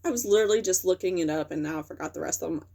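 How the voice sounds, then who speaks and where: Talking very fast in a lowish, warm, creaky voice, a young woman hosts a laid-back talking-head commentary video. She rambles, corrects herself and leans heavily on fillers.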